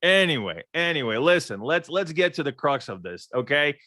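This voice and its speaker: A man's voice: a little high, very animated, normal speed, sharp tone, no room sound. A middle-aged man from Ukraine moderating a casual panel chat, joking and stumbling over repeated words.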